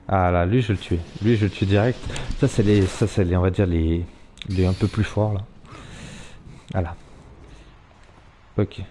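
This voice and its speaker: A man talks through a live gameplay stream in a lowish, mellow voice. He chatters casually, curses often and coaxes the creatures he commands. Faint game sounds sit behind him. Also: a little hiss or hum. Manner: chatty, swearing, talks to his animals. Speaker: let's play streamer.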